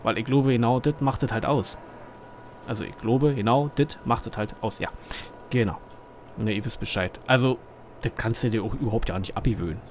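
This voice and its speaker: A man with a Berlin dialect hosts his channel, casually commenting on a farming game while rambling and thinking aloud with plenty of fillers. His voice is mid-range and a little fast, with slight background noise behind it.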